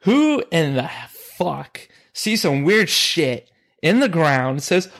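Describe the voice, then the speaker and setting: A man co-hosts a movie podcast and vents bluntly, swearing as he goes. His voice sits a little higher than usual for a man. He talks in an easy, casual way. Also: sing-song, slow, a bit bright. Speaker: podcast co-host. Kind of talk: casual movie review chat.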